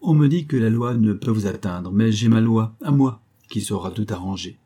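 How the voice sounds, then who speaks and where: A man's voice: fairly low pitch, expressive, moderate pace, mellow, husky. A man voicing a stern, threatening young student. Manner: cold, commanding, clipped threats. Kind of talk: audiobook reading.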